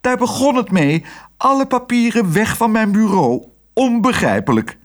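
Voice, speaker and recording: A man reading aloud, voicing a flustered nurse in a high, wailing falsetto. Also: very animated, moderate pace. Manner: wailing, desperate, high-pitched. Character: shrill flustered middle-aged nurse woman.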